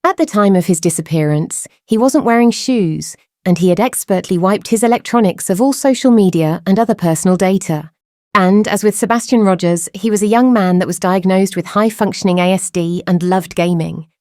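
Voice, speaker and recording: Host, woman, voice-changer processed, mellow tone, dry close sound, measured scripted delivery. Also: medium pitch, no room sound. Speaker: true crime channel host. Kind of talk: scripted commentary.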